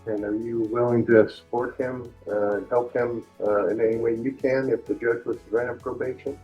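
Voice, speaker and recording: A man's voice: mid-range voice, steady tone, normal speed, mellow, faint music behind. A man questioning a witness in court as a lawyer, hesitant with many fillers, heard in a courtroom recording. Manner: hesitant, many ums and uhs. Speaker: defense lawyer. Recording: dull lo-fi courtroom audio.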